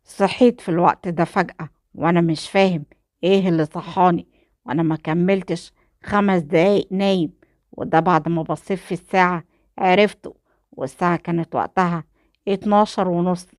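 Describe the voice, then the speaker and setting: A woman with an Egyptian accent reading a first-person romance story in a steady manner. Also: on the low side, brisk, no room sound, studio quality. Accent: Egyptian Arabic.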